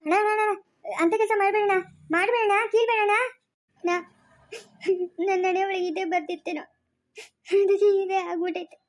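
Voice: very high voice, level tone, normal speed, pauses often. A performer playing a young bride in a village family drama, sobbing and pleading with her brother. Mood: tearful pleading.

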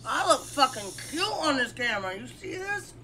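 A hoarse woman guest on a home podcast, joking bluntly and chewing candy as she talks. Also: high voice, big pitch swings, normal speed, a loud crowd. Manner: joking, blunt, chews gummies while talking. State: hoarse, lost voice. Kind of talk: casual chat. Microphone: shared desk mic at home.

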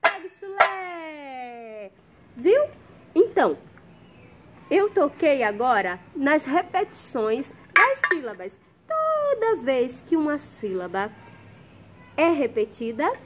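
Uma professora de música dando aula para crianças pequenas, explicando com calma e paciência, passo a passo. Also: female voice, high-pitched. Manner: gentle, patient, explains step by step. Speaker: music teacher for young children. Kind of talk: children's music lesson. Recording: noisy background.

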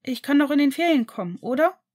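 A woman reading a storybook, voicing an emotional twelve-year-old boy in a high, eager voice. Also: lively intonation, fast, darkish tone. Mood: excited.

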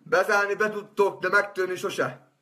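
A man on a live stream, boisterous and swearing, who turns soft and sentimental in his farewells. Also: sits high, steady tone. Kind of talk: rambling live-stream monologue.

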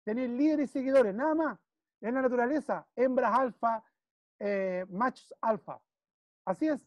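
A man's voice: very high voice, moderate pace, dry recording, dull audio. A man with a Chilean accent coaching a client one-on-one, emphatic and repeating key phrases while he checks in. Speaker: business consultant.

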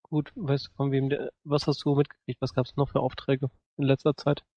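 A male tabletop player fires short, pointed questions. His voice is mid-pitched and the recording is dry. Its sound is a little dull and lo-fi. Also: monotone, normal speed, no room sound. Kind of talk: tabletop role-play, interrogating in character.

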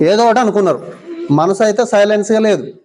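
A woman's voice: mid-range voice, fast, darkish tone. A woman with a Telangana Telugu accent teaching young schoolchildren in a classroom, coaxing them with many short questions. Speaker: visiting mindfulness teacher.

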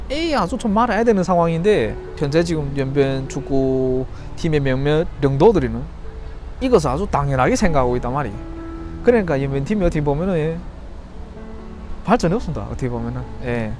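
Male vlogger, Yanbian Chinese-Korean accent, slightly high voice, critical and questioning, unscripted commentary over music. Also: a little mellow. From Yanbian, China. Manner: earnest, critical, rhetorical questions. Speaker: YouTuber and football fan commentator. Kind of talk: unscripted opinion vlog commentary.

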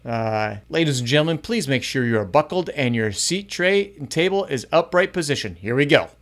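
A man's voice: a little high, expressive, moderate pace, fairly bright tone. A middle-aged man hosting a youth ministry channel, talking upbeat and chatty as he walks through a tutorial in a small home studio on a close mic. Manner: upbeat, chatty, varying pace. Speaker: youth ministry podcast host. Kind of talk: casual tutorial vlog. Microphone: close studio mic in front.

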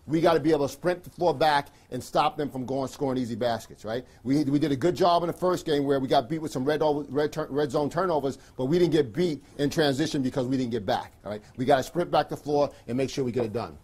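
A man's voice: medium pitch, quick pace, few pauses, darkish tone, slightly rough. A middle-aged man speaking as a basketball coach in a pregame team talk, giving emphatic, clipped instructions and often checking in with "right?". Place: small carpeted locker room, indoors.

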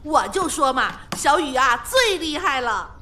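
An actress playing a doting middle-aged housekeeper who fusses and coaxes, chattering in a TV drama. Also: female voice, sits high, big pitch swings, a little slow, sharp tone, a little hiss or hum, full character voice. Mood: coaxing. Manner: fussing, coaxing, chattering. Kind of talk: TV drama acting. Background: music.

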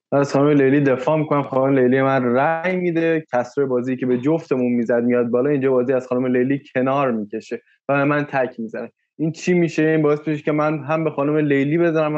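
A man playing an online party game, making his case deliberately and posing questions. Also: mid-range voice, darkish tone, highs cut off. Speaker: game player.

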